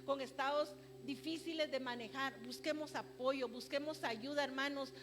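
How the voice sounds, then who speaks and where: A woman with a Guatemalan Spanish accent preaching a sermon, earnest and exhorting, slowing down to stress her points. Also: high-pitched, noisy background. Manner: earnest, exhorting, slows for emphasis. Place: church. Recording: church livestream with music behind. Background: instrumental music.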